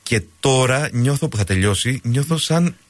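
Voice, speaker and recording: A man talking as a guest in a casual radio studio interview, relaxed and laughing easily. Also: mid-range voice, no echo. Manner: relaxed, laughs often, stumbles through tongue twisters. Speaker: radio guest, stage actor. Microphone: studio microphone.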